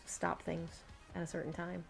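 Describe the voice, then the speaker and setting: Teasing woman with a gravelly edge. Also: on the low side, monotone, moderate pace, soft background music. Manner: dry, teasing interjections. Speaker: podcast co-host. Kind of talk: casual chat.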